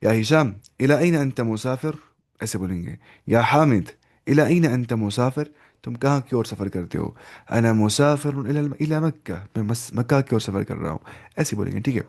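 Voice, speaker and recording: A man teaching an online Arabic lesson in with English words mixed in, reading Arabic phrases slowly and then explaining them. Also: medium pitch, animated, a little mellow.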